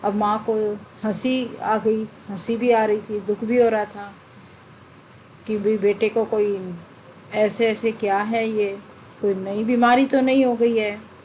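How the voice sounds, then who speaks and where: Slow-talking woman teacher. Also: mid-range voice, a little mellow, a little hiss or hum, poor audio. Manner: slow, explanatory, addresses the children directly. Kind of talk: reading and explaining a textbook play to children.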